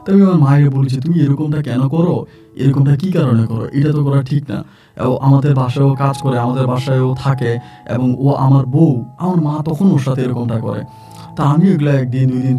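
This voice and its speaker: A young man from Bangladesh telling his own true story slowly and plainly, often restarting his sentences. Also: mid-range voice, mellow. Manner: slow, plain retelling with frequent restarts and fillers. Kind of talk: first-person true-story narration. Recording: distant mic with faint music.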